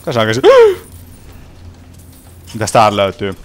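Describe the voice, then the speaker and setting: A young man with a fairly low voice and lively intonation provides casual let's play commentary on his own gameplay from home. He is chatty and frustrated, swearing often and grumbling at the game.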